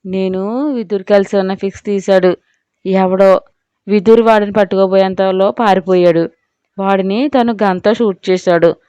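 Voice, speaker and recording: A woman's voice: mid-range voice, steady tone, normal speed, dark tone, smooth, dry recording, highs cut off, close to an everyday voice. A woman voicing a frightened young woman who speaks through tears to her older brother. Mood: tearful. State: tearful.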